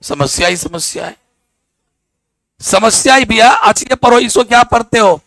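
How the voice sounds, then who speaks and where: This is a male biology teacher from Bihar, a voice that sits fairly high. He lectures in a casual, story-driven way and drops into to act out exchanges between people. The recording is dry, almost no room sound. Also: moderate pace, vocal fry, dry recording. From Bihar, India. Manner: animated storytelling, acts out dialogue in local dialect. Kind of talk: classroom lecture with anecdotes.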